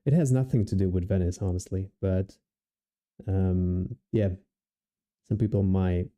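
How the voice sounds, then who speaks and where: A man from Portugal with a Portuguese accent, giving relaxed live commentary on his trading and thinking aloud with many restarts and fillers. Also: deep voice, unhurried. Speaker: day trader streaming live.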